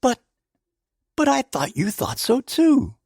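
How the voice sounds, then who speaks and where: A man voicing an earnest, excitable young English gentleman, eager and impatient, in an audiobook. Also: mid-range voice, normal speed, vocal fry, breathy edge, no echo, studio quality, pitched above the performer's own voice, exaggerated voice. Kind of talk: audiobook character voice.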